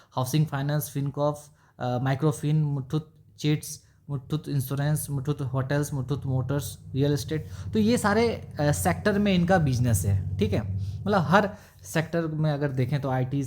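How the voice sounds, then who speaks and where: This is casual stock analysis over a screen share. A YouTuber with a fairly high-pitched voice reads a company's figures slowly off the screen, filling gaps with pauses, in an easy conversational tone. He keeps asking whether the listener is keeping up.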